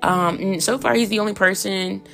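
A woman's voice: mid-range voice, moderate pace, vocal fry, fairly bright tone, soft background music. A woman in her thirties hosting a solo podcast, talking candidly and frankly in a chatty way full of fillers, with hiccups and coughs. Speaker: podcast host. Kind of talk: casual solo podcast monologue.

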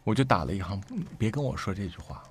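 Male storyteller, low voice, lively and emphatic, plays out the dialogue himself. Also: fast talker, breathy edge. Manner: animated, acts out quoted speech with sharp rises. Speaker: storyteller guest. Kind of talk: casual conversational storytelling.

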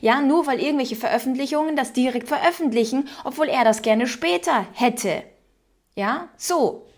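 Opinionated woman from Ukraine, fairly high voice. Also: normal speed. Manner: opinionated, reads out news quotes and reacts. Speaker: political commentary host. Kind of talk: casual political commentary.

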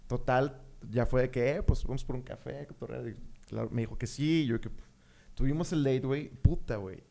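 A young man with a Mexican Spanish accent, a podcast co-host telling a story in casual chat, animated, full of slang and swearing, acting out his own reactions. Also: medium pitch, brisk, creaky.

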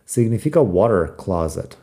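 Slow, low-voiced American man teaching. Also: sing-song, gravelly, mellow. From United States. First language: English. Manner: slow, careful, spells words out letter by letter. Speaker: language teacher. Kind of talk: podcast lesson.

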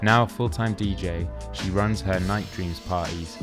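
A man with a very low voice hosts a podcast. He opens with a scripted introduction, then interviews his guest in an easygoing way, often answering with short "yeah" and "right". Music plays clearly behind him. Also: fairly even intonation, unhurried. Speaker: podcast host.

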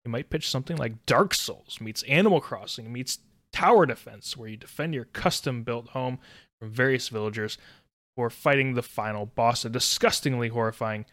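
A man's voice: mid-range voice, moderate pace, a bit bright, no echo, studio quality. A man hosting a podcast, chatting casually and steering the panel through segments. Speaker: podcast host. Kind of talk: casual chat and reading segment intros.

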